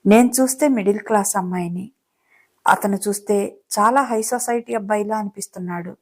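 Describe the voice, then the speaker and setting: A woman narrating a romance audiobook in a steady storytelling manner. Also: medium pitch, fairly quick.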